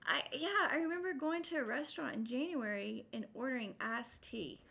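A woman's voice: high voice, moderate pace, creaky, sharp tone, a little hiss or hum. A woman from West Texas with a drawling twang, telling stories casually as a podcast guest. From West Texas, United States. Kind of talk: casual interview storytelling.

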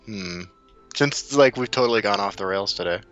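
A man's voice: on the low side, moderate pace, fairly bright tone, highs cut off, soft background music. An American man co-hosting a casual chat, rambling and interrupting himself as he tells stories. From United States. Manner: rambling, self-interrupting storyteller. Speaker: co-host.

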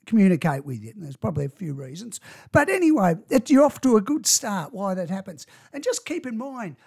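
A man's voice: very high-pitched, gravelly, darkish tone, breathy edge. A man giving an informal talk to parents, chatty and self-correcting, with frequent asides. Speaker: parent educator giving career advice.

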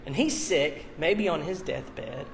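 A man's voice: a little high, expressive, slow, gravelly, background noise. A man preaching as a pastor in a conversational, informal and explanatory way, with casual asides, at a live church service. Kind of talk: conversational sermon.

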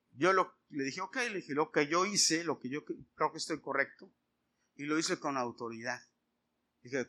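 Bright-voiced man preaching. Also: on the high side. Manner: animated storytelling, acting out dialogue. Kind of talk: sermon with personal story.

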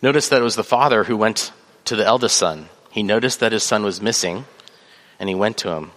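A man with a lowish voice preaches a sermon in a measured way, pausing on fillers and reading scripture aloud. His voice carries a long reverb, as in a church hall. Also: a bit bright. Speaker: pastor.

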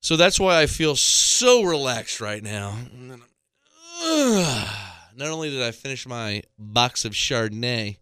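A man's voice: mid-range voice, very animated, slow, bright, forceful tone, clear, resonant tone, no room sound. A man in his thirties telling a rambling, exasperated comic story into a microphone, with self-mocking asides. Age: 30s. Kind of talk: comedic monologue. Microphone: studio microphone.

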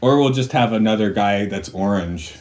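A man's voice: fairly low pitch, moderate pace, darkish tone. A man co-hosting a podcast in casual chat, rambling with hesitations and frequent laughter. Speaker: podcast co-host.

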